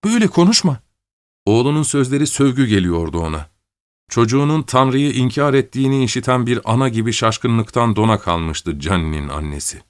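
A man narrating a story aloud in a measured, steady reading voice. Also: medium pitch, clean tone, no echo, studio quality. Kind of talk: scripted audiobook narration.

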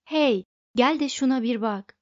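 A woman voicing an excitable, brash male alien captain who gets childishly thrilled. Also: high voice, unhurried, no echo, dull audio.

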